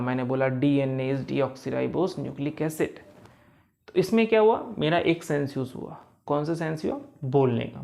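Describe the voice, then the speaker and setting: A male teacher giving a study-tips lesson. He asks questions and answers them himself, often checks in with "okay", and says sample lines slowly, word by word. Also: on the high side, creaky, darkish tone.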